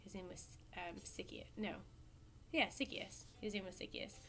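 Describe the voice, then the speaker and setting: A woman's voice: medium pitch, normal speed, sharp tone, a little hiss or hum. Chatty woman teacher retelling an epic. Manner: casual, chatty, self-correcting storyteller. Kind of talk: classroom lecture.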